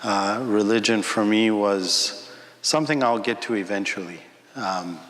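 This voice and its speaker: A man's voice: lowish voice, fairly bright tone. A young man from Afghanistan speaking as a panel guest, earnest and reflective, with filler ums. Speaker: panel guest, former prayer leader. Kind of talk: personal testimony on a panel. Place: conference hall. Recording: long hall reverb.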